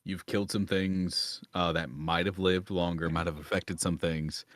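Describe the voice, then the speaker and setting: A man with a very low voice runs a tabletop game, rambling and restarting his sentences as he thinks aloud. The sound is dry and close to the mic. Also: steady tone, normal speed, a bit bright, no echo. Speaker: game master.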